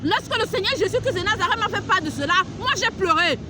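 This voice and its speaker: A woman's voice: extremely high pitch, expressive, fast, a crowd in the background, noisy background. A woman preacher delivering a fervent, scolding prophetic message outdoors at a beach, repeating her phrases and firing rhetorical questions. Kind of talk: impassioned outdoor preaching to camera.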